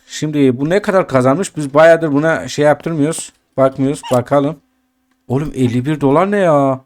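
A man's voice: fairly high pitch, normal speed, a little mellow. A man giving casual gameplay commentary as a gaming YouTuber, chatting to his viewers and grumbling and swearing at the game as he plays.

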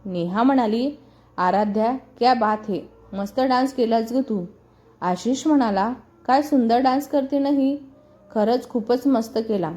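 A woman reading a serialized family story aloud, voicing all the characters' lines in her own lively storytelling voice. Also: on the high side, measured pace. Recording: muffled voice over background music.

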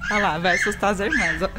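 A Brazilian woman filming a casual home vlog in her bedroom, chatting animatedly and exclaiming to her little ones as she cleans. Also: mid-range voice. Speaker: vlogger and mother. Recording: loud music over the voice. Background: loud background music.

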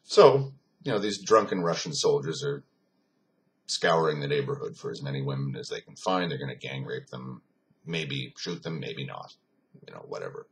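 A man's voice: a bass voice, lively intonation, moderate pace, vocal fry. A man giving an informal philosophy talk, telling a story with emphasis, many fillers and a rambling flow.

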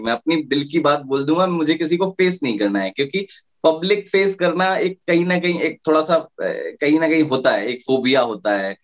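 A male radio jockey explaining his career in a casual interview, with frequent fillers and restarts. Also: a little high.

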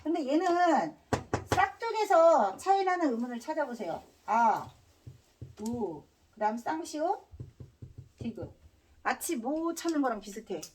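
A woman's voice: high-pitched, very animated, a little slow, pauses often, darkish tone, distant mic. A woman teaching a Korean grammar lesson, drilling students with repeated questions and slipping in casual slang. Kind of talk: classroom lecture.

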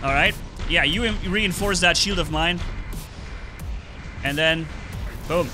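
A man giving live gameplay commentary on his own stream, excited play-by-play with sound effects. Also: on the high side, slow pace, over music. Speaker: gaming streamer.

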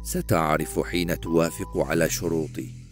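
A man voicing a sly, menacing old male demon who speaks in a low, hissing whisper. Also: steady tone, moderate pace, soft background music. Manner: menacing, mocking.

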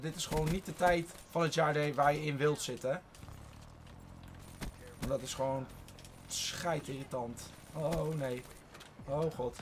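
A man giving rambling live gameplay commentary from his bedroom, voice a little strained, with excited outbursts and swearing. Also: fairly high pitch, slight background noise. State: slightly strained voice. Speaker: gaming YouTuber. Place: his own warm bedroom.

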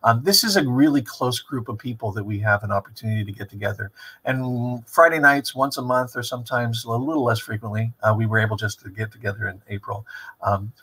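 A man in his fifties with a husky voice gives an informal online lecture in a rambling, reflective, professorial way. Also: mid-range voice, fairly quick, fairly bright tone, low-quality recording. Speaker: theater director giving a talk. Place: small room with brick wall and window, indoors.

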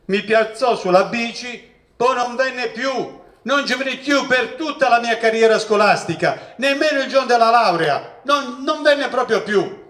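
A man's voice: very high voice, measured pace. A man, a professor telling funny stories at a public talk. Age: 60s. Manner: joking, lively storyteller who acts out voices in quotes. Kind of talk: humorous storytelling lecture. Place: event hall with seated audience. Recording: echoey hall, distant mic.

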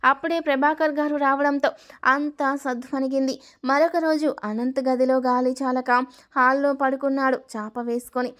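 A woman storyteller narrating a domestic family drama in a steady, expressive way. Her voice sits high. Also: normal speed.

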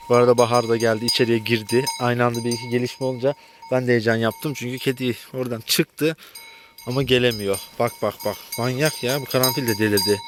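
A man's voice: medium pitch, noisy background. A man from Turkey talking casually to viewers while herding animals outdoors, chatty, often calling out to his animals. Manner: chatty, exclaims and scolds animals. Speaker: village vlogger. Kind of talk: casual vlog talk to viewers. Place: outdoors in a village pasture.

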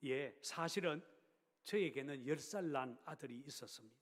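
A poor mother from a village, grieving yet calm and steadfast, tells her story quietly and plainly, voiced by a man in the middle of a sermon. The voice sits a little high. A long reverb rings around her as if in a church hall.

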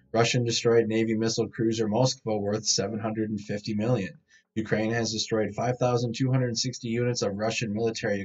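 A man's voice: fairly low pitch, darkish tone, breathy edge. A man hosting a casual news rundown from a hotel room through a laptop mic that makes him sound tinny, stumbling over words as he reads headlines. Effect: tinny, tin-can sounding laptop mic. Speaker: live-stream news host. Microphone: laptop microphone.

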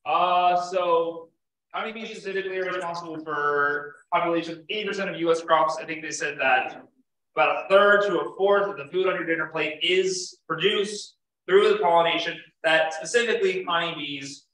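A young man with a slightly high voice, steady tone, and pushed, bright delivery speaks at a moderate pace in a casual beekeeping slide-show talk. His loose chat is full of fillers and restarts, recorded from far off by a camera in an echoey indoor meeting room.

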